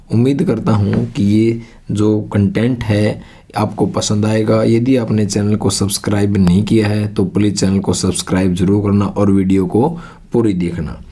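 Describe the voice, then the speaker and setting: A man from India giving a spoken English lesson, patiently explaining and repeating each English phrase slowly as a drill. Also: fairly low pitch, warm tone. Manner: explains patiently with rhetorical questions. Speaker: English teacher.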